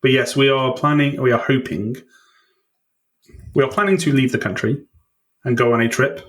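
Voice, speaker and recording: A man's voice: mid-range voice, fairly even intonation, moderate pace, a bit bright. A man being interviewed on a podcast, thoughtful and self-deprecating, with hesitant restarts. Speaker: podcast guest. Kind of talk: casual interview chat.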